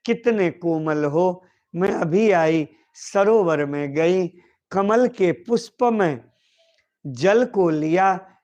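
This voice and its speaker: A man voicing Lalita, a gentle, devoted female companion, in a soft and pleading way during a devotional story. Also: on the high side, dull audio. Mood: tender.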